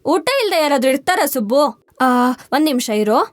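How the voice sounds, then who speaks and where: A woman's voice: sits high, lively intonation. An actress playing a young woman who first brushes off a tearful suitor and then fusses over him, in a web series drama. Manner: brisk, scolding then mothering. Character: caring but dismissive young woman.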